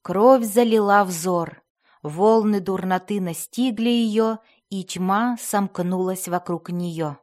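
A woman narrating a fantasy audiobook in a steady, measured storytelling voice. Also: mid-range voice.

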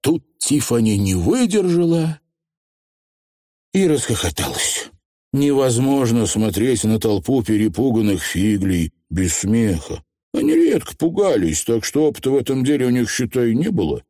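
A man narrating a storybook in a lively, expressive way. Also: mid-range voice, normal speed, no echo, studio quality. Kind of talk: audiobook narration.

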